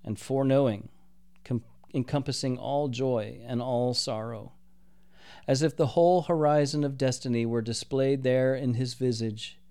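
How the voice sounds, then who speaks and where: A man narrating a story in a measured, expressive reading. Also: mid-range voice, smooth.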